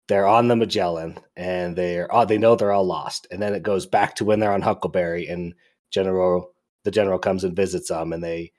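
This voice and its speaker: A man co-hosting a casual book discussion podcast, retelling scenes with lively energy and acting out the characters' lines. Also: low voice. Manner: animated storyteller, acts out characters' lines. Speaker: book club podcast co-host. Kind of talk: casual chat.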